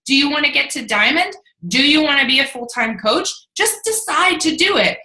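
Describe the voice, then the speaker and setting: A woman coaching a fitness team in casual talk, energetic and rambling, laughing often. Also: high-pitched, moderate pace. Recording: roomy echo.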